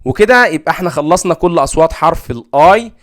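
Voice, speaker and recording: A man with an Egyptian Arabic accent gives an English lesson in a voice pitched a little above the average man's. He explains each rule in order, repeats example words and keeps checking that the class is following. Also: animated, fast, fairly bright tone. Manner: explains rules step by step, checks in with "okay?". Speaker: English teacher.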